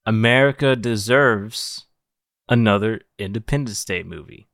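A man's voice: fairly low pitch, a little slow, a bit bright, no room sound, clean studio sound. A man co-hosting a comedy podcast, improvising a sketch in a grand, mock-presidential speechifying manner. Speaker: podcast co-host.

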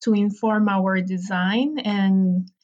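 Slow-speaking young woman from Ecuador. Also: medium pitch, steady tone, a little mellow, muffled recording. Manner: hesitant, with fillers and restarts. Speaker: podcast guest, architecture graduate student. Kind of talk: casual interview answers.

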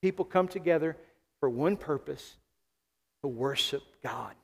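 A man's voice: fairly high pitch, lively intonation, a little slow, creaky. Preaching man in a reverberant church. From South Arkansas. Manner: preaching with rising emphatic calls to the congregation. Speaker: pastor. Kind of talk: sermon. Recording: long hall reverb.

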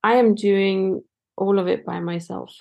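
Woman guest on a talk podcast: casual, searching for words, slow delivery. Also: medium pitch, steady tone, gravelly, a little mellow, lo-fi sound. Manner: hesitant, with many "like" fillers. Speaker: guest, a coach and public speaker. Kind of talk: casual conversation.

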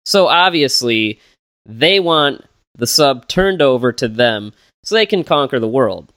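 Slow-talking guy rambling thru movie plots, lots of ums, jokey, dry mic. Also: medium pitch, lively intonation, fairly bright tone, no echo. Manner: rambling, many fillers and restarts; jokey, laughs while retelling plots. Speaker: podcast co-host. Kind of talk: casual film podcast chat.

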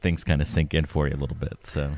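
A man's voice: extremely low pitch, flat delivery, fast talker, darkish tone, dry recording. A man in his thirties hosting a podcast in a casual, conversational style. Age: 30s. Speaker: podcast host.

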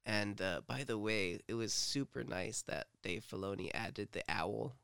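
Man, casual co-host, rambling, filler-heavy, gravelly, dry close sound. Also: fairly low pitch, unhurried, fairly bright tone, no echo. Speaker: podcast co-host. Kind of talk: casual fan discussion.

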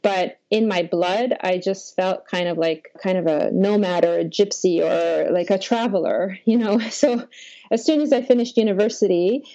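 A Polish-born woman whose first language is Polish speaks at a normal speed, her medium-pitched voice warm, with a dry, close and somewhat dull sound. As an interview guest, she tells her life story in a meandering, reflective way, saying "like" a lot.

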